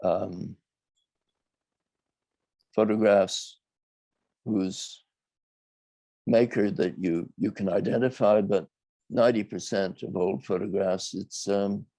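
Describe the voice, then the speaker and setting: The voice is on the low side and warm: an older documentary filmmaker, interviewed in a dry recording, thinking aloud reflectively. He's measured and a little hesitant as he searches for his words.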